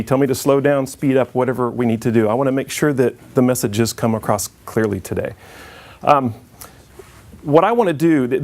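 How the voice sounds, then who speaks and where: In a mid-range, slightly mellow voice, a middle-aged man addresses a conference audience informally. His manner is friendly and joking, and he often backs up to restart what he's saying.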